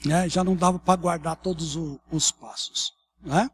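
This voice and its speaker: A slightly rough, a little high male voice at normal speed belongs to a pastor from Brazil with a São Paulo accent. His morning sermon in the church hall is chatty, with many tag questions and lively shifts.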